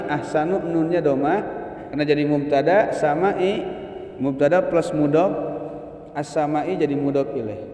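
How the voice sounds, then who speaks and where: A man teaching an Islamic grammar lesson, animated, chanting Arabic verses and slipping into slang. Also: on the high side. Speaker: religious teacher. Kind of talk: kitab study lesson. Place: mosque hall. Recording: echoey hall reverb.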